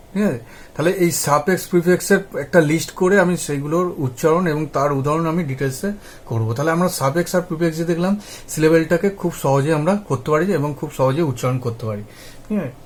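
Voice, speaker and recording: A fast-talking man with a fairly high voice teaches English pronunciation in a spoken lesson. He spells out words letter by letter, repeats them, and regularly makes sure the viewer follows.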